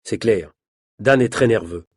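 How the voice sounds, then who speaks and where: A man narrating a story for language learners in a measured, clearly articulated reading. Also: fairly low pitch, dry recording, clean studio sound. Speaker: audiobook narrator.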